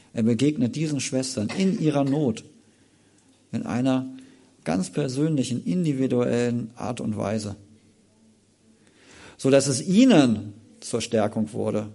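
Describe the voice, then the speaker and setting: A man preaching a Sunday morning sermon, reading scripture aloud and then commenting on it in a casual, lively way. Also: mid-range voice, vocal fry, breathy edge.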